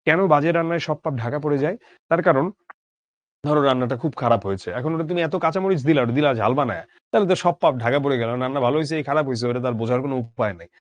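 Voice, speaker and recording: A man's voice: medium pitch, fast talker, no room sound, lo-fi sound. A young adult man teaching a literature lesson to exam students, rereading each line of the text and rephrasing it in simple words, with emphatic rises and drops on key words.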